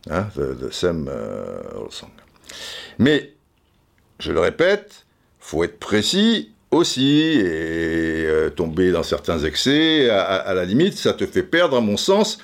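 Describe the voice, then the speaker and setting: Casual commentator guy, keeps stammering and repeating himself, super expressive voice. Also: low-pitched, takes it slowly, creaky. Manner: animated, stammering repetitions, casual swearing. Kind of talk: casual chat.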